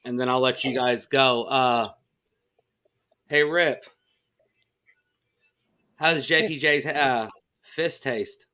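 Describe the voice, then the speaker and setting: Slow, halting bright-voiced show host. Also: male voice, mid-range voice, clean tone. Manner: halting, hesitant. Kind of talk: casual wrestling talk show.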